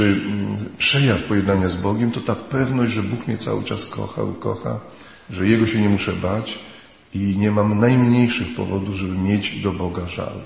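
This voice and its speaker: A priest giving an earnest retreat sermon, speaking prayers aloud to God. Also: male voice, fairly low pitch, creaky. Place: retreat hall. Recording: echoey hall recording.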